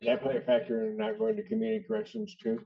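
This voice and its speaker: A man presiding as a judge, running formal court proceedings in a brisk, blunt, procedural way, heard on a courtroom recording. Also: mid-range voice, very animated, creaky. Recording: distant, dull courtroom recording.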